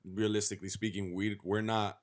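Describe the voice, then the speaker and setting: A man's voice: lowish voice, level tone, brisk. A young man co-hosting a casual chat, easygoing and full of slang, eager to jump in. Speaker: podcast co-host.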